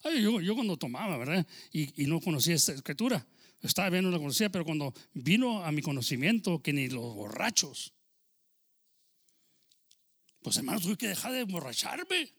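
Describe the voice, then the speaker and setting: A man preaching a sermon, shifting between loud proclaiming and quiet, confiding testimony. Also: a little high, sing-song, fairly quick. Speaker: pastor.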